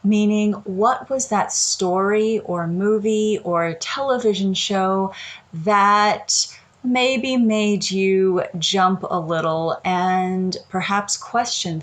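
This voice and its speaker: A woman in her thirties or forties hosting a podcast, telling a childhood story in a slow, reflective, meandering way. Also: mid-range voice. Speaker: podcast host. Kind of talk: casual storytelling monologue.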